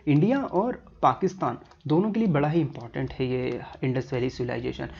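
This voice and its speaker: A man's voice: medium pitch, fairly quick, creaky, darkish tone, slightly rough, lo-fi sound. A man teaching a history lesson over a map, in a casual, chatty way, talking straight to the viewer.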